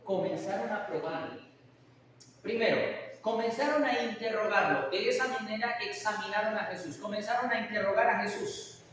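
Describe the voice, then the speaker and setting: Heard from far off in an echoey church hall with faint hiss, a man delivers a sermon and often questions his congregation. His voice is high and a bit bright, at a moderate pace.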